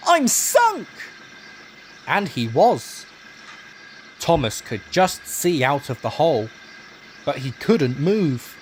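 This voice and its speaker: A man reading a children's storybook aloud as narrator, expressive and unhurried. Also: medium pitch, a little hiss or hum.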